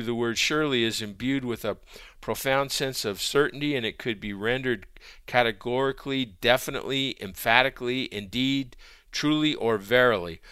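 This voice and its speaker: A man preaches with emphatic, measured phrasing, piling up lists of words to drive each point home. His voice is bright and smooth. The recording is close and dry. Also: mid-range voice, dry recording. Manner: emphatic, measured delivery with repeated word lists. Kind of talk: sermon.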